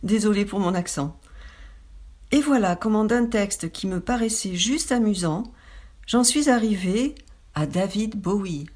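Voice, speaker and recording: A woman's voice: mid-range voice, expressive, a little slow, darkish tone. A woman giving a scripted, informative narration with a light, playful touch. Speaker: presenter.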